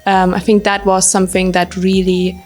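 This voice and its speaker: A young woman from Germany speaks in a measured, explanatory way and corrects herself as she goes. She sounds a little distant from the mic, with faint music underneath. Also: medium pitch, completely flat delivery, a little mellow. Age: young adult. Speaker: interview guest, researcher. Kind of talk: casual interview answers.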